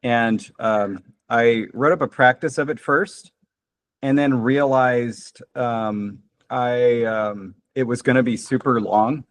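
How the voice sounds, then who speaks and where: A man's voice: medium pitch, steady tone, takes it slowly. An American man chatting on a video call, rambling and self-deprecating, with lots of fillers. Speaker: conlang relay participant. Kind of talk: casual video call chat.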